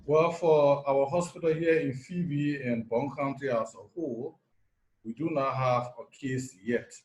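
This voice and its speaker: A man from Liberia, a nurse anesthetist, giving measured factual answers with pauses and fillers in a video call interview. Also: medium pitch, steady tone, rough recording.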